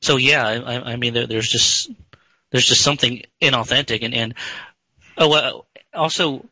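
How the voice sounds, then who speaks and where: A man, a guest in an interview, talking in a halting way with many repeated words and restarts. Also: mid-range voice, pushed and bright, dry recording, low-quality recording. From San Francisco Bay Area, born in Taiwan. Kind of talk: interview talk.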